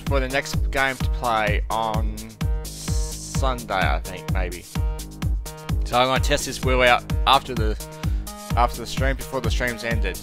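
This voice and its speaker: A streamer welcoming viewers and chatting loosely about the stream, rambling and breaking into excited shouts. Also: medium pitch, a little slow. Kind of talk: casual gaming stream chat. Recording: loud game music behind.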